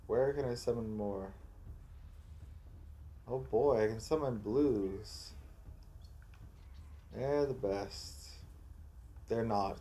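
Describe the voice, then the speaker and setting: A man's voice: on the low side, slow pace, long pauses, warm tone. A man casually commentating on a video game as a streamer, musing and thinking aloud off the cuff.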